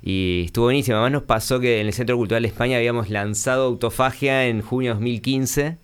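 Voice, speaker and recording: A man, a musician being interviewed, talking in a relaxed, rambling way with fillers. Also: mid-range voice, quick pace, clear, resonant tone. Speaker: musician guest. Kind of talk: casual interview talk.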